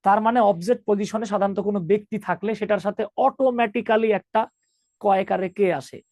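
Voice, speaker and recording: A man's voice: sits high, steady tone, fairly quick, a little mellow, no echo. A man teaching an online English grammar class, joking with students and calling them 'baba'.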